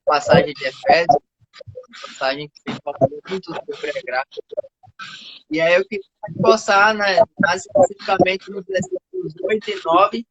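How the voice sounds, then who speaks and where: A man preaching over a video call whose audio keeps cutting out, pausing often with "né" as he reads scripture. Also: high voice, a bit bright, husky, no room sound. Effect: choppy audio that keeps cutting out. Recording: dull lo-fi call audio with dropouts.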